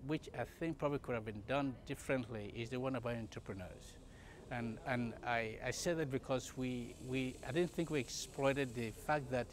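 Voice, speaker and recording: A Cameroonian man at a conference answers interview questions, speaking hesitantly with frequent fillers and restarts. He is a congress participant and the CEO of a medical company. His voice is medium-pitched, with a slight hiss or hum in the recording.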